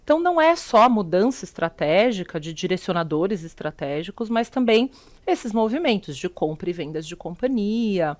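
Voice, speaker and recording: A woman's voice: mid-range voice, sing-song, moderate pace, darkish tone. A middle-aged woman with a Brazilian Portuguese accent, a sustainability executive explaining her views as a guest in a videocast interview, posing rhetorical questions as she goes.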